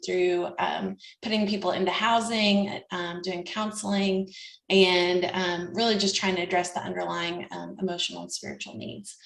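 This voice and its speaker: A woman who leads a nonprofit, giving an earnest overview of its work on a panel. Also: mid-range voice. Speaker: nonprofit executive director. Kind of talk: panel introduction. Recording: roomy echo.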